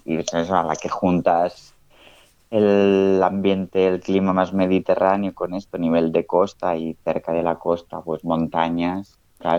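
In a relaxed podcast chat, this guest researcher, a man in his thirties, talks thoughtfully and tags many phrases with a questioning "¿no?". His voice sits low with a dark tone, recorded without echo in a dull, dry lo-fi sound.

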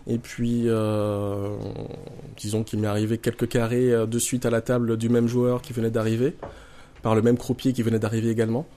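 A man's voice: medium pitch, little pitch movement, normal speed, mellow. A man with a Marseille French accent, talking casually as an interview guest with dry, tongue-in-cheek humour. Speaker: guest, poker player.

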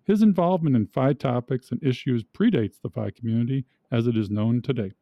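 A man with a mid-pitched voice hosts a podcast, delivering scripted introductions. The recording is very dry and a little dull. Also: fairly quick, no room sound. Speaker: podcast host.

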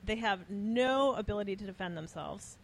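Measured woman author being interviewed. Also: mid-range voice, animated. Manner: measured, explanatory. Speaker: author guest. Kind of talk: conversational interview.

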